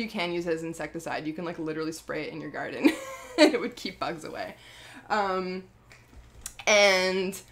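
A woman's voice: lowish voice, fairly bright tone. A woman talking casually about her skincare product, chatty and rambling, with lots of fillers and self-corrections. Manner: laughs often mid-sentence. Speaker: skincare brand founder.

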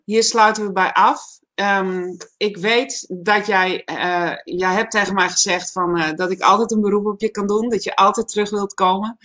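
A woman hosting a livestream talk show, reading a reflective text aloud in a calm, measured way and then chatting casually. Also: medium pitch.

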